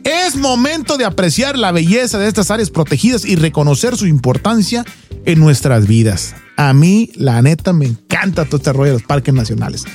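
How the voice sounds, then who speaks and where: A northern Mexican man hosts casual radio talk in a high, very animated voice. He is playful and informal, leaning on regional slang, with soft music underneath. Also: normal speed. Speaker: radio show host.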